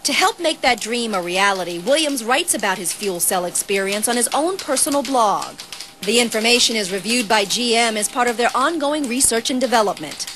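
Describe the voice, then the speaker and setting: A woman's voice: fairly high pitch, fairly quick. Woman reporter narrating a news feature. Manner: even, polished reporter delivery. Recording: voice-over with music bed.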